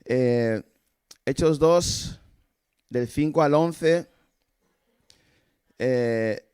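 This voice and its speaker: At a church service, a preacher from Cameroon speaks very slowly in a smooth, darkish, medium-pitched voice. His sermon is conversational and informal; he's an evangelist who puts rhetorical questions to the congregation and chuckles between points.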